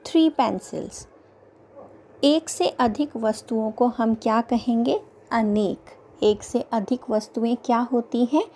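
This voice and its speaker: Woman teacher, children's grammar lesson, very slow drawn-out pace, mellow tone, repeats every word, asks and answers her own questions, mixes English into her speech. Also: on the high side.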